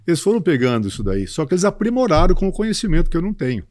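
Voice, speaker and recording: Fast-talking older Brazilian man, dry sound. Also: fairly high pitch, dry recording. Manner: lively storyteller, often tags "entendeu" and "cara". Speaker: farm business owner guest. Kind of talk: casual interview talk.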